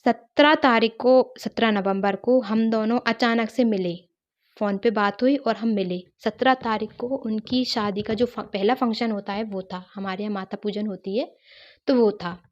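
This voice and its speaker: A woman's voice: medium pitch, normal speed, highs cut off. A woman earnestly telling a personal story, retelling what others said to her. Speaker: guest sharing a personal testimony.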